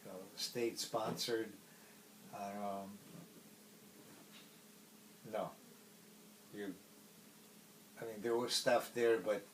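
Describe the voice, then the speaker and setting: A middle-aged man from Poland with a Polish accent, a native Polish speaker, recalling his past in a casual interview in a halting way with many pauses. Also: lowish voice, far from the mic, slight background noise, poor audio. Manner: halting, pausing often mid-phrase.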